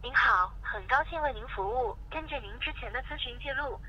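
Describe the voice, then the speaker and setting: A woman's voice: high voice, brisk. A woman's cheerful automated hotline voice reading polite, scripted menu prompts over a phone line. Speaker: automated customer service hotline voice. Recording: muffled phone line, faint hiss.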